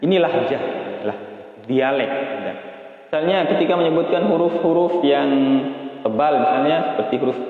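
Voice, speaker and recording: A man's voice: on the high side, expressive, moderate pace. Hesitant male teacher in an echoey hall. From Bima, Indonesia. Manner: hesitant, many filler sounds; repeats phrases for emphasis. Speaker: Quran recitation teacher. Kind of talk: religious lesson. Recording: echoey hall, tinny phone-like sound.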